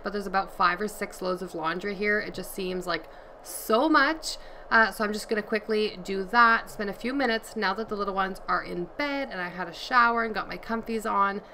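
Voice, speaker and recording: A woman in her thirties chatting casually from her bedroom while folding laundry, relaxed and explaining as she works, recorded by a camera across the room. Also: medium pitch, slight background noise, poor audio. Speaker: vlogger and mother. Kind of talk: casual chat while cleaning. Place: home bedroom, indoors. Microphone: camera on a tripod across the room.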